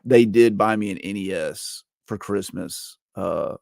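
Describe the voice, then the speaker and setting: A man's voice: lowish voice, measured pace, gravelly, a little mellow, dry recording, studio quality. A man, telling stories in casual conversation. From Alabama, United States. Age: 40s.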